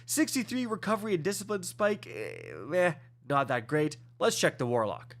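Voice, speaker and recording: In this casual gameplay review, the host speaks quick and enthusiastic, his voice on the high side with wildly swooping pitch and vocal fry. His nose sounds congested as he runs through video game items, peppering his talk with "guys" and "uh."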